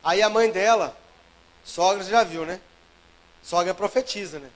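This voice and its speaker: High-voiced preacher telling stories. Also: male voice, normal speed, low-quality recording. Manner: storytelling, lively swings from loud to hushed. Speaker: pastor. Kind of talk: sermon.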